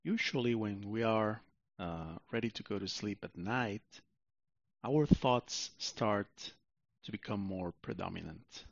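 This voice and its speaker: Slow, gravelly man guiding sleep meditation. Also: on the low side, dry recording, muffled recording. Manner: soothing, unhurried, with long pauses. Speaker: meditation guide. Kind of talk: guided sleep meditation narration, like a sleep story narrator.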